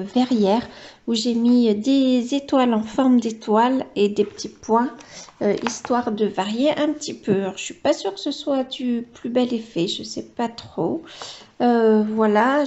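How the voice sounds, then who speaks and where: A woman's voice: on the high side, warm tone, dull audio. A woman vlogger chatting casually while she colors, hesitant and full of filler sounds, now and then cooing to her dog in baby talk. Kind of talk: casual coloring vlog chat.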